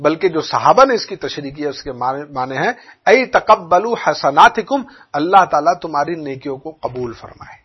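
A man's voice: fairly high pitch, very animated, normal speed, slightly rough, lo-fi sound. A man teaching a religious lesson on Quran recitation, explaining with everyday examples and often asking if listeners understood.

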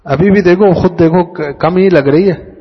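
A man's voice: high-pitched, slightly rough. A man, a religious teacher, who shows students how to pray, addresses them directly and drills the key points over and over. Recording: dull lo-fi sound with long hall reverb.

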